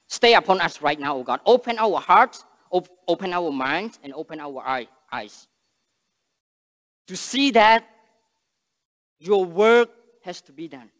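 A young man with a Cambodian accent preaches in earnest, halting English, often restarting his phrases and then rising hard on key words. His voice sits high for a man. It rings through a big sanctuary with a long reverb and comes across muffled. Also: fairly bright tone. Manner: earnest, halting non-native English with restarts and emphatic rises. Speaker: missionary speaker. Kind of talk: sermon with prayer. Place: large church sanctuary stage. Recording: long church reverb, dull sound.

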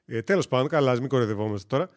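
A man's voice: mid-range voice, lively intonation. A man from Greece chatting casually on a gaming live stream, rambling and joking as he tells stories and corrects himself.

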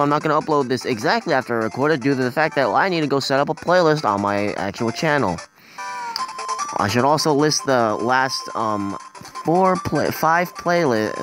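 Young male let's play host, rambling, animated pitch swings, faint music behind. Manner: rambling, many fillers and restarts. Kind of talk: casual gameplay commentary. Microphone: phone recording.

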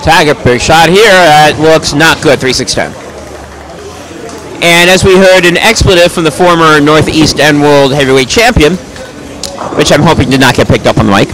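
Calling a bowling match live from the alley, a man projects loudly and tosses in chatty, joking asides between calls. His voice sits a little high at a normal speed, and the recording quality is low.

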